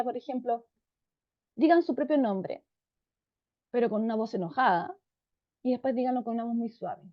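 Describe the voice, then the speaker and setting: A woman psychologist explains things to parents in a warm, calm, unhurried tone, often checking in with them. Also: on the high side. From Chile. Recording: dull lo-fi sound.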